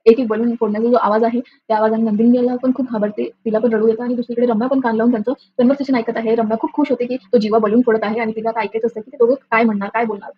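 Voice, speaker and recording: A woman's voice: fairly high pitch, level tone, racing, hardly any pauses, husky. A woman casually retelling a TV serial episode, rambling with lots of filler sounds and restarts. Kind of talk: casual spoken episode recap. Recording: dull lo-fi audio with faint noise.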